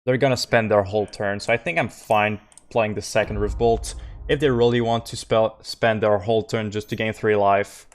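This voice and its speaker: Streaming a card game live, a Québécois man with a French accent talks through his moves, sprinkling in fillers and relaxed comments to his chat. His voice is lowish and steady, at a normal speed.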